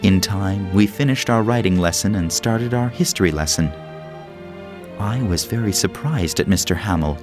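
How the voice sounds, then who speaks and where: Brief: male storybook narrator, lower voice, measured delivery, music under him.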